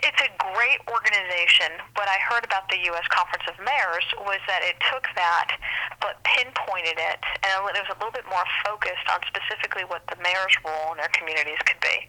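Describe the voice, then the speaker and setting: A woman mayor calling into a talk radio show, heard over a phone line on speakerphone, explaining things in a steady way. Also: mid-range voice, fairly quick. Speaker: city mayor calling in as guest. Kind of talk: call-in radio interview.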